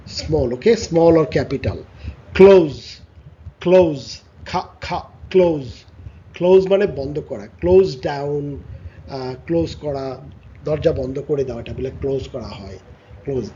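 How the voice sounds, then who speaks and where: A man with a Bangladeshi accent teaching English vocabulary to young children, repeating each word and its sounds slowly. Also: fairly high pitch, dark tone. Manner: slow drilled pronunciation, repeating words and sounds. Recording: slightly dull lo-fi audio with faint noise.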